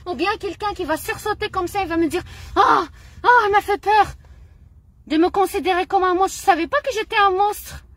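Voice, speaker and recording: A woman's voice: very high voice, brisk, fairly bright tone, no room sound. A middle-aged woman from Morocco, speaking in an impassioned personal monologue, indignant and emotional, often repeating her phrases. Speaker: vlogger.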